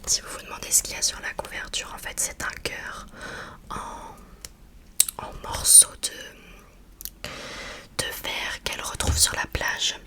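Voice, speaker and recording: Woman whispering softly, ASMR book chat. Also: slow, pauses often. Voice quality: soft unvoiced library-like whisper. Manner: hesitant, informal, searching for words. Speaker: book review host.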